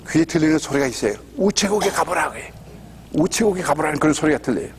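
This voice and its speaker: A man guiding a church history tour, telling a story in an animated way and asking the audience questions. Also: on the high side, slight background noise. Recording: long hall reverb.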